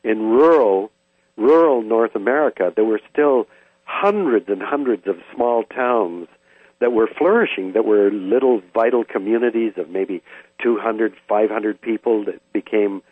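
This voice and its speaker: An older man from Canada, thoughtfully reminiscing about his childhood with frequent pauses and hesitations. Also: fairly low pitch, husky, no room sound. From Vancouver, Canada. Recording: dry, tinny phone-like sound.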